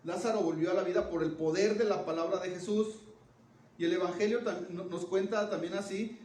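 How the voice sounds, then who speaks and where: High-voiced male preacher in echoey hall. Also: steady tone, fairly quick. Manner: questions the congregation often, checking with "¿Ok?"; swings from loud emphasis to hushed low phrases. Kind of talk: sermon. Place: church hall. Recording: echoey church room, voice from a distance, faint background noise.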